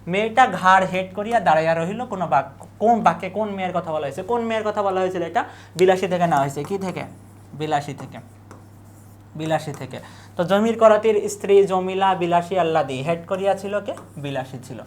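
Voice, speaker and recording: A young adult tutor leads an exam revision lesson in a mid-range voice, posing quiz questions and answering them with quick lists.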